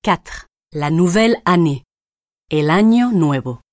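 A woman's voice: on the low side, animated, slow, darkish tone, no echo, studio quality. A woman reading example phrases on a recorded language lesson, carefully enunciating each one. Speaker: example reader.

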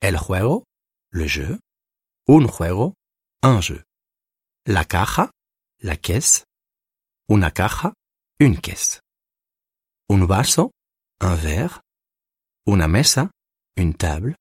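A man narrating a recorded language lesson, explaining grammar rules with slow, deliberate pauses between words. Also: sits low, sing-song, husky, no echo, clean studio sound. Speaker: language teacher.

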